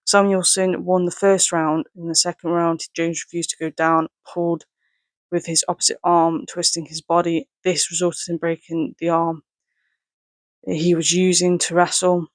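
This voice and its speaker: A man presenting from inside a rubber mask, hot and short of air, reading a biography aloud haltingly with casual asides and self-corrections. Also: fairly high pitch, flat delivery, no room sound. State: hot, finding it hard to breathe.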